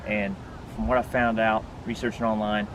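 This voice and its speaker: A man with a fairly low voice talks casually to camera as an RV vlogger. He is informal and plain-spoken, walking viewers through gear step by step. The recording is made outdoors, with clear wind and vehicle noise behind him. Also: little pitch movement, moderate pace. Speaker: RV vlogger giving a product walkthrough. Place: outdoors beside a pickup truck bed.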